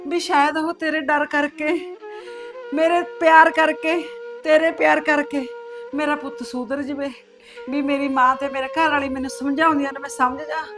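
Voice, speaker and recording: A middle-aged woman playing a grieving mother-in-law who soothes her son's wife through tears. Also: high voice. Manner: tearful, soothing, pleading. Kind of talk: short family drama.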